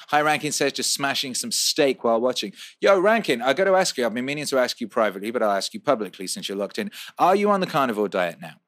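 This is casual livestream chat from a Welsh-raised British man who reads viewer questions aloud, swearing freely, riffing and going over the same points again. His voice sits at medium pitch with a fairly bright tone, captured as clean studio sound with no room echo.

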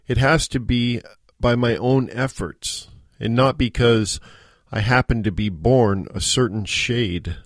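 A middle-aged American man hosting a solo podcast, speaking in an earnest, measured, exhorting monologue. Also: medium pitch, no room sound, studio quality. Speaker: podcast host. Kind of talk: solo monologue on self-improvement.

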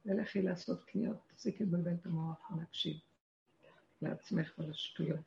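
A woman's voice: fairly low pitch, gravelly, dull audio, a little hiss or hum. Passionate woman teaching in an echoey room. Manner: passionate, shouts quoted lines, laughs, rhetorical questions. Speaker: spiritual teacher. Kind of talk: religious talk to a group.

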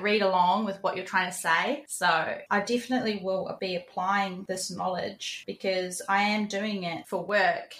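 A woman's voice: medium pitch, fairly bright tone. Chatty New woman in her twenties. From New Zealand. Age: 20s. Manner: chatty and candid, with many "like" and "kinda" fillers. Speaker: guest, community moderator. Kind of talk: casual interview chat.

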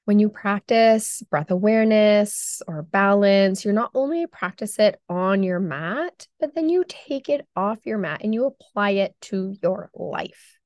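A woman hosting her own podcast as a health coach, talking in a chatty, upbeat way with her voice still hoarse from losing it. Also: mid-range voice, expressive, unhurried, few pauses, darkish tone, dry recording. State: hoarse, recovering from lost voice. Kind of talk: casual solo podcast talk.

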